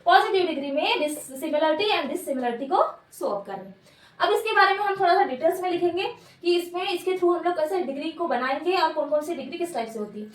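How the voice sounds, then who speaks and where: A woman teaches grammar in a high, bright-pitched voice, posing questions and answering them herself. She repeats each key word. The mic sits well back, so the sound is roomy and echoey. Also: lively intonation, brisk. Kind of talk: grammar lesson at a board. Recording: echoey room, mic at a distance.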